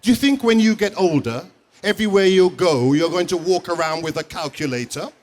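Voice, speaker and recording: A man's voice: high-pitched, expressive, fairly quick. A man quoting a strict old Irish math teacher. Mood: scolding. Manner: scolding, lecturing. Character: strict older male math teacher, cross.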